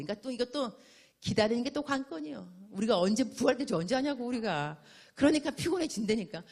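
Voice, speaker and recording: A woman missionary preaching a sermon in an animated, playful way, acting out little dialogues. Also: fairly high pitch, slightly rough.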